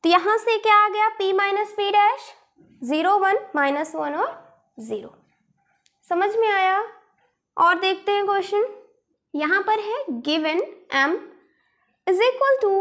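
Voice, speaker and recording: A woman teaches an online maths class in a very high voice. She talks slowly and patiently, walking through every step and asking her students rhetorical questions. She sounds close to the microphone, as in a recorded voice-over. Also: a bit bright.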